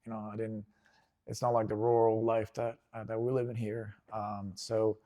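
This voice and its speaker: A man in his forties from Venezuela, a jiu-jitsu instructor, telling his story in a relaxed, rambling way with many fillers and restarts. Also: fairly low pitch, moderate pace. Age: 40s. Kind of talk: casual interview.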